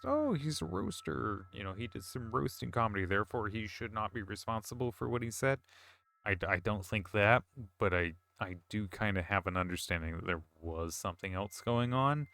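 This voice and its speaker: A man's voice: on the low side, pushed and bright. A man streaming a game, chatting casually with viewers in a rambling, self-correcting way. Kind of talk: casual chat while gaming.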